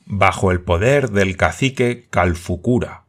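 Man voicing a grave, terse guide. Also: low voice. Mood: solemn. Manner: slow, terse, solemn. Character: grave, solemn native guide, adult man.

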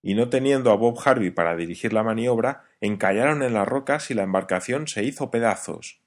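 A man's voice: lowish voice, a little fast, lightly acted. A man reading an audiobook, voicing a rescued castaway who speaks grave and plain.

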